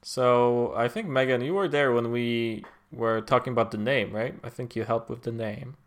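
A man's voice: mid-range voice, moderate pace. A man hosting a podcast who introduces a guest in an easygoing, hesitant way. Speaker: podcast host. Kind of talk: casual chat.

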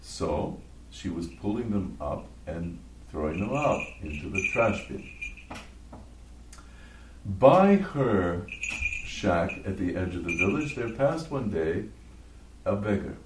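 A man, a bishop, telling a story in a sermon with deliberate, animated delivery. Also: on the low side, noisy background. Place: church. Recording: echoey church from far off.

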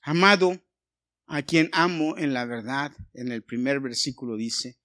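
A man's voice: medium pitch, unhurried, fairly bright tone. A middle-aged man, a pastor, preaching a conversational sermon and telling personal stories, often restarting his words.

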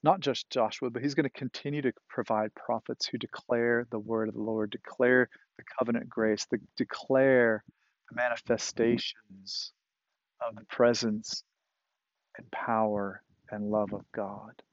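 Slow, conversational male preacher. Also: mid-range voice, fairly even intonation, dry recording, lo-fi sound. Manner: conversational preaching with fillers and emphatic repetition. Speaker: pastor. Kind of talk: sermon.

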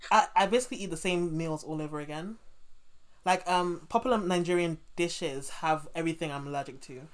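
Woman host, lowish voice, animated anecdotes full of fillers, relaxed chat. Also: a little fast. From London. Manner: animated storytelling, many fillers, quotes people. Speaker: podcast host. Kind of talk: casual interview chat.

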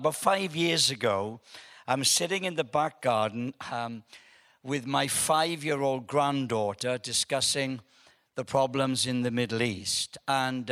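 Older man telling a story. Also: medium pitch. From Wales. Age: 70s. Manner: hesitant with many ums, animated when telling the story. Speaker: guest speaker at an event. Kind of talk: humorous storytelling speech. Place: in front of a live audience.

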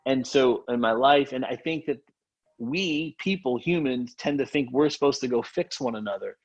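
A man raised in Haiti speaks earnestly as a podcast guest, discussing faith and generosity in a casual conversation. His medium-pitched voice moves at a moderate pace, peppered with fillers and restarts, and the recording sounds muffled.

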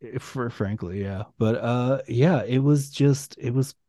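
Blunt, mellow-voiced male podcaster. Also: medium pitch, measured pace, no room sound, studio quality. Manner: blunt, swearing, grumbling. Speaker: podcast co-host. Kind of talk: casual chat.

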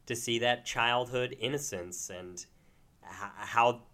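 A man's voice: medium pitch, takes it slowly, fairly bright tone. A man co-hosting a casual chat, enthusiastic and effusive, laughing often. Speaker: podcast co-host.

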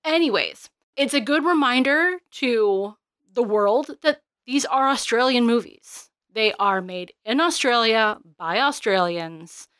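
A woman's voice: fairly high pitch, lively intonation, slow pace, a bit bright, smooth, dry recording. A woman co-hosting a podcast, chatting about a film trailer in an enthusiastic, talkative way. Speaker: podcast co-host. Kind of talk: casual podcast chat.

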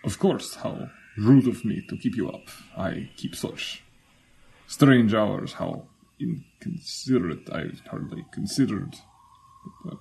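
A brooding old-world immortal gentleman in a radio comedy. His deep voice is gravelly and husky. He speaks haltingly and formally, swooping dramatically from line to line. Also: lively intonation, heavily acted, rough recording. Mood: melancholy, rueful. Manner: halting, formal, theatrically drawn-out. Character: brooding, courteous, melancholy immortal gentleman with an eerie air.

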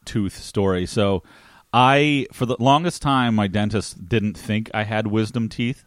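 A man in his thirties co-hosts a casual podcast, rambling through long stories. His voice sits on the low side and picks up sharply when he gets excited. The recording is dry and close, with no room sound. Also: a little slow, no room sound. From United States. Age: 30s. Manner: rambling storyteller, excitable during game commentary. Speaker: podcast co-host. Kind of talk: casual chat.

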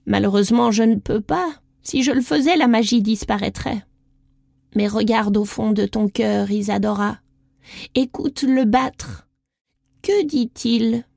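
A woman voicing an old, wise female priestess who speaks in slow, solemn riddles in a read-aloud storybook. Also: a little high, creaky, a little mellow, dry recording, clean studio sound. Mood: gentle.

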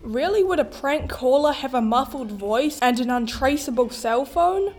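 A woman's voice: high-pitched, animated, moderate pace, darkish tone. A woman playing a weary, sighing detective. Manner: tired, sighing and firm. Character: weary, determined male detective.

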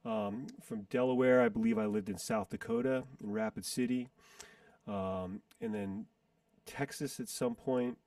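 A guest musician and entrepreneur in his forties rambles through stories in a casual interview, reminiscing and often pausing to recall details. His voice is mid-range and darkish, with dry, echo-free sound picked up from a distance.

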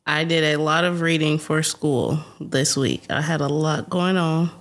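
A woman's voice: low-pitched, steady tone, measured pace. A young adult woman co-hosting a podcast in casual, teasing chat, laughing often. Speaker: podcast co-host.

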